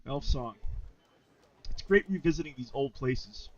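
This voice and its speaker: A man's voice: medium pitch, animated, unhurried, darkish tone. Casual male game host, laughs a lot, trips over his words, distant lo-fi call audio. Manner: laughs often, stammers and restarts. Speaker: game master. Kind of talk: casual co-op game play with voiced dialogue.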